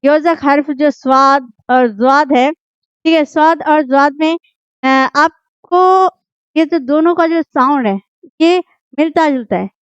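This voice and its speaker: High-voiced woman teaching Urdu letters. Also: slow, dry recording. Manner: patient, repeats checks like "ठीक है?". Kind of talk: explaining script lesson. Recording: dull, dry, lo-fi voice.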